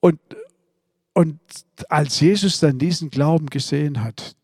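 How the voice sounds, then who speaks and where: A man's voice: a little high, measured pace, darkish tone, breathy edge, no room sound, studio quality. A man preaching a sermon, earnestly retelling Bible stories. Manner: earnest, storytelling, with fillers and restarts.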